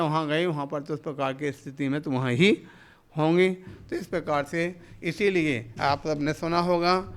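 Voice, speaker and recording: A Jain monk with a fairly high, slightly bright, clear and resonant voice gives a discourse into a hall microphone. He explains things step by step, poses rhetorical questions, and acts out short everyday dialogues.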